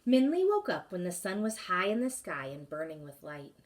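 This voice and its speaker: A woman teacher reading a chapter book aloud to her class, expressive and pausing to ask questions. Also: fairly low pitch, recorded from a distance.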